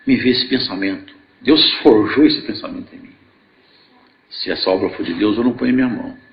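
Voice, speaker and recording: An older man from gives a church testimony. He tells it earnestly in a gravelly voice and acts out the dialogue he remembers. The recording is echoey and a little dull, as if taken in a church hall. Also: fairly low pitch, fairly quick. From Brazil. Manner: earnest storytelling, acting out remembered dialogue with rising emotion. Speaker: church elder giving testimony. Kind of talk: spoken religious testimony.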